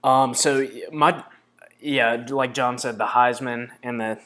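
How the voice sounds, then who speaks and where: A man's voice: mid-range voice, fairly even intonation, slow pace, fairly bright tone. A young man hosting a casual sports podcast, making emphatic, brash predictions. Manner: emphatic, brash hot takes. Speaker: podcast host.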